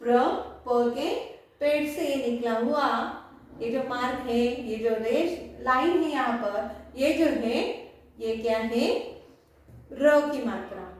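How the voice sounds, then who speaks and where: A high-pitched woman teaches a spelling lesson at a slow, patient pace, breaking words into single sounds. She sits back from the mic, and her voice rings around a very echoey room. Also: distant mic. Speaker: school teacher. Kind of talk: online Hindi spelling lesson.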